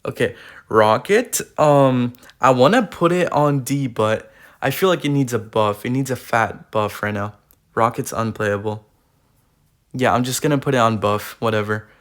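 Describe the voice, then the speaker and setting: A young man giving casual, slangy gaming commentary while ranking cards, full of fillers, his voice going a bit hoarse, recorded on a tablet. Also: medium pitch, moderate pace, fairly bright tone. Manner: rambling, slangy, filler-heavy. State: losing his voice. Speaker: gaming YouTuber. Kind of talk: casual tier-list commentary. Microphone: iPad recording.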